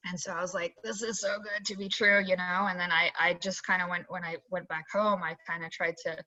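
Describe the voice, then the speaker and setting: A bright, clear young woman from Zambia talks in a chatty, rambling way, full of "um" and "like". Her voice sits a little low for a woman. The video-call audio is dull and lo-fi. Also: brisk. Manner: chatty, animated storyteller with many "like" and "um". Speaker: assistant college golf coach, interview guest. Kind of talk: casual video-call interview storytelling.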